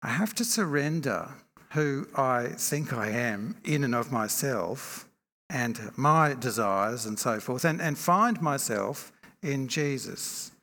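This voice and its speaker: Gravelly-voiced male preacher in a reverberant hall. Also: mid-range voice, lively intonation, sharp tone. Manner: measured, reflective, asks rhetorical questions. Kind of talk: sermon. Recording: long reverb from a large hall.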